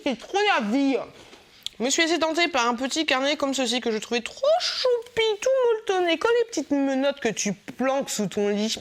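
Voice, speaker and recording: A woman with a somewhat high voice talks her viewers through a shopping haul. She is chatty and joking, and often pauses on hesitant fillers before moving to the next item. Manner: chatty and playful, with hesitant fillers and self-mocking asides. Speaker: haul vlogger. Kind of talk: casual product haul chat.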